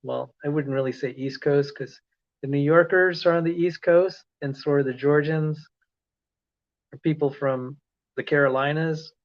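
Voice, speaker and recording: A man's voice: on the high side, fairly even intonation, moderate pace. A man from the Philippines with an American accent, talking casually and rambling as an online lecturer on a livestream. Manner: rambling, self-correcting, chatty. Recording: dull lo-fi stream audio.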